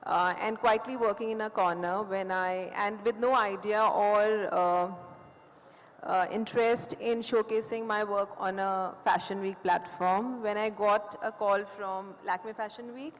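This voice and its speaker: A woman's voice: mid-range voice, steady tone, measured pace. A woman designer speaking on a conference panel, hesitant and full of fillers. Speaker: fashion designer. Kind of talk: panel talk. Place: conference hall stage. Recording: reverberant hall with faint ambience.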